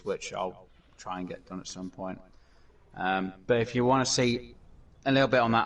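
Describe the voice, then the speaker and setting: A man's voice: fairly low pitch, recorded from a distance. A man hosting a casual gameplay commentary, talking in a rambling way with many fillers and restarts. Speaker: gaming channel host.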